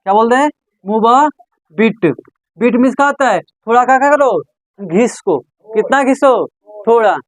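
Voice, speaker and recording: A man's voice: extremely high pitch, a little slow, pauses often, no room sound, rough recording. A man teaching an English class in a classroom, drilling phrases over and over and putting questions to his students. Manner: repetitive call-and-response drilling, asks the class questions. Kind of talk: classroom lesson.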